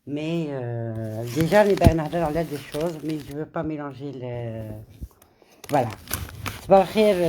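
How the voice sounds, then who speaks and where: Low mellow-voiced woman chatting live. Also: a little hiss or hum. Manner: switches between French and Arabic, greets viewers by name. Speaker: live stream host. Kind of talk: casual live chat with viewers.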